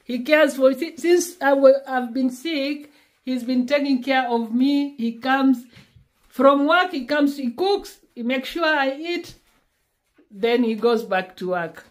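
A Kenyan woman of about sixty talks slowly in a high-pitched voice, vlogging casually to a phone camera she holds at arm's length. She's indoors in her small home, pleading and saying things over again.

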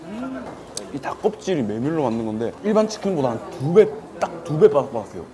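A man's voice: fairly high pitch, big pitch swings, brisk, over a noisy crowd. A young man vlogging a meal with his mouth full, humming and exclaiming with pleasure between bites as he narrates the food. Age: young adult. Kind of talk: mukbang food vlog narration. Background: background music.

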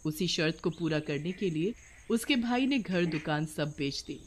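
A woman narrating a cartoon story in an even storytelling voice. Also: low-pitched, a little slow, slight background noise.

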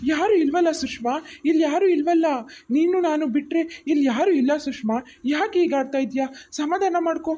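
A woman voicing a calm, caring young husband in a cartoon, who speaks in a soothing, reassuring way. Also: sits high, fairly quick, a little hiss or hum, close to an everyday voice.

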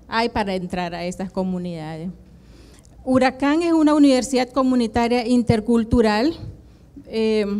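A university program coordinator from Nicaragua's Atlantic coast speaks on a conference panel in a room with flags and a projection screen, holding a handheld microphone. Her mellow, fairly high voice is clear and resonant. She explains at a steady pace but sounds hesitant, filling gaps with many "em" and "eh" sounds.

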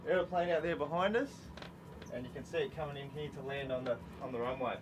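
A man's voice: medium pitch, quick pace, background noise. A man in his thirties with an Australian accent, hosting a casual product demo on the deck of a boat, upbeat and enthusiastic. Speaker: fishing show host. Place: open deck of a boat on a bay, outdoors. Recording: music bed underneath.

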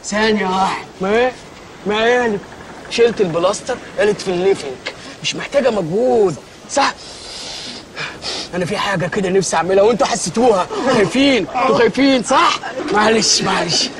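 Fast, high-pitched Egyptian comic man. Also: background noise. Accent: Egyptian Arabic. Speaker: comedian in sketches. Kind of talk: Egyptian comedy sketch acting.

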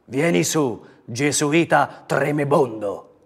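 A man voicing a pompous young man who shouts mock sermons, loud and theatrical. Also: mid-range voice, expressive, slow pace. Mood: shouting.

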